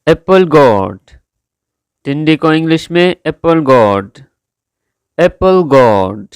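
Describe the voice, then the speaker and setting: Slow, deliberate male teacher. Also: fairly high pitch, big pitch swings, smooth, dry recording, clean studio sound. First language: Urdu. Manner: drawn-out, careful pronunciation drills. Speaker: English vocabulary teacher. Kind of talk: slow vocabulary lesson, repeating each word.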